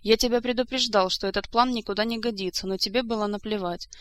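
A woman's voice: mid-range voice, fairly even intonation, fast, lightly acted. A woman reading the part of a wounded, tired king who speaks bluntly and reproachfully.

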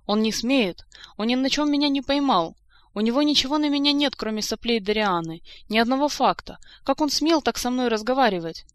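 A woman's voice: brisk, close to an everyday voice. A woman reading as a spiteful, haughty court countess who shrieks her indignation. The voice sounds dry and close, with no room echo. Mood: shrill. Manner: shrill, indignant.

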